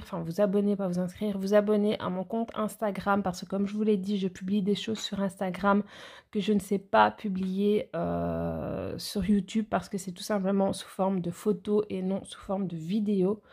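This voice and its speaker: A woman's voice: medium pitch, creaky, mellow. A woman, a nail educator chatting casually through a product haul and speaking straight to her viewers with frequent hesitations.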